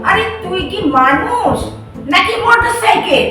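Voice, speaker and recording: A woman's voice: very high voice, animated, unhurried, sharp tone, heavy reverb, recorded from a distance. A woman in a comic skit playing a flustered neighbor who stammers and repeats herself. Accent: Bengali. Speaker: excited neighbor.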